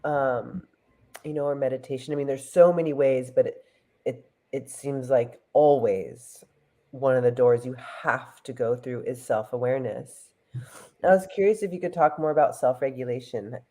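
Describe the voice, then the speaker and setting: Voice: medium pitch, moderate pace, warm tone. A podcast co-host asking a guest questions in a thoughtful, casual way, with many fillers. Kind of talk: casual interview chat.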